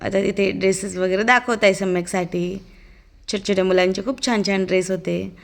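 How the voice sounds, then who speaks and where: A woman's voice: medium pitch, steady tone, normal speed, vocal fry. A woman giving a chatty, amused running commentary as a casual vlog voice-over, narrating as the child's aunt.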